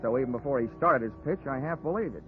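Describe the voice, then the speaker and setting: An actor playing a wisecracking hard-boiled American insurance investigator in a 1940s radio drama, with a dry, sardonic, clipped manner. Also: male voice, medium pitch, expressive, fast talker, music in the background, natural voice. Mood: dry, mocking. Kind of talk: 1940s radio acting, first-person detective narration. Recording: tinny old radio recording.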